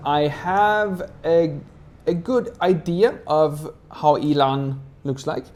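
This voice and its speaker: Someone raised in Sweden chats casually and rambles, leaning heavily on "like" as a filler. The voice is mid-range, a little mellow, and takes things slowly.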